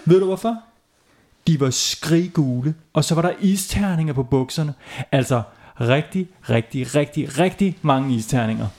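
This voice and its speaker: A man narrating a playful children's bedtime story, animated and laughing at his own jokes. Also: fairly high pitch.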